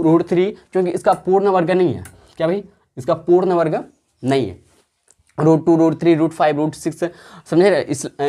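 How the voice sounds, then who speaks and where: Low-voiced woman teaching a maths class. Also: dark tone. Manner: repetitive, asks rhetorical check-in questions and answers them herself; patient, drawn-out explaining pace with frequent fillers. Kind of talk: online classroom lecture.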